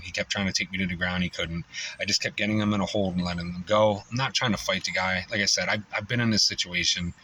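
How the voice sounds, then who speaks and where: A man's voice: low-pitched, bright, forceful tone, far from the mic, slight background noise, low-quality recording. A man coaching on relationships, telling a long personal story in a loose conversational way, full of "you know" and "like", acting out heated exchanges as he goes.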